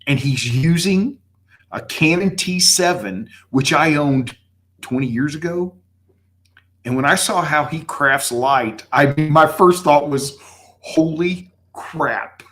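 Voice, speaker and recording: A man's voice: a little high, measured pace, a bit bright. A man with a slightly slurry West Texas twang, chatting casually and effusively as host of a livestream.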